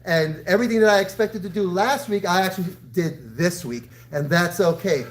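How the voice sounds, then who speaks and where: A man's voice: high-pitched, normal speed. A man in his sixties, a karate instructor, talking to his class in an encouraging, direct coaching style. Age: 60s. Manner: encouraging, addressing students directly. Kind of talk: live fitness class coaching and motivational talk.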